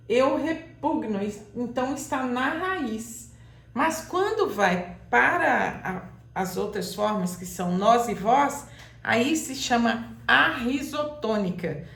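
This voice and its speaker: A woman with a fairly high, gravelly voice gives a slow, patient grammar lesson. She repeats her examples and now and then calls a word out loudly to show where the stress falls. The room sounds echoey. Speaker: Portuguese teacher.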